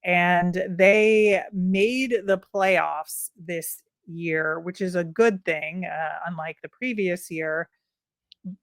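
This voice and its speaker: A woman co-hosting a sports podcast in a relaxed, chatty way, musing aloud and filling pauses as she goes. Her voice sits a little low, and the recording is close and dry with no room sound. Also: no room sound. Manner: conversational, thinking aloud with fillers. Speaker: podcast co-host. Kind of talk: casual sports podcast chat.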